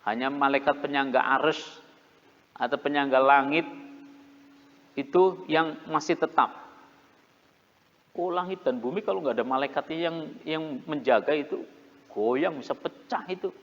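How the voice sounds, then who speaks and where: Man, middle-aged, animated sermon storyteller; muffled lo-fi mosque recording. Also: fairly high pitch, moderate pace, pauses often. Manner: animated storytelling with laughs, mimics shouting. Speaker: preacher. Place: mosque hall. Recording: muffled reverberant hall recording.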